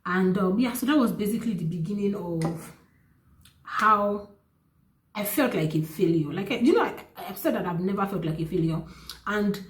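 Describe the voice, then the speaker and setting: A young Nigerian woman tells a personal story straight to the camera, earnest and animated, often stopping to rephrase. Her voice sits in a middle pitch and leaps up when she stresses a point. The room is echoey around her. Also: normal speed, slight background noise. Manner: earnest and animated, with many restarts and pitch jumps for emphasis. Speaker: vlogger. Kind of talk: casual storytelling.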